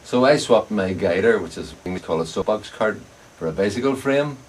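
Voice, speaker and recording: A man's voice: fairly low pitch, expressive, moderate pace. An older Northern Irish man with an Ulster accent, reminiscing casually as he answers interview questions. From Northern Ireland. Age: older, around 70 or above. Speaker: bicycle frame builder and veteran club racing cyclist being interviewed. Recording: distant mic, clear background noise.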